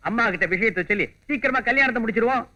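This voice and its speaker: A man's voice: very high-pitched, racing, pushed and bright, heavily acted. An actor playing a doctor and husband who banters with his wife. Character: doctor, joking older brother and husband.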